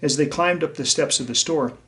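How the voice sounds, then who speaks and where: With a slightly high, somewhat bright voice and a brisk pace, a male teacher reads a children's picture book aloud. He addresses the kids in a simple, explanatory way.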